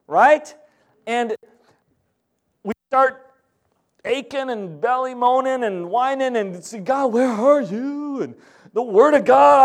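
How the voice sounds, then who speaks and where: A man preaching as pastor, his voice sitting high for a man. He tells stories in an animated way, acting out what each person said. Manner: storytelling with acted-out quotes, animated. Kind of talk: sermon.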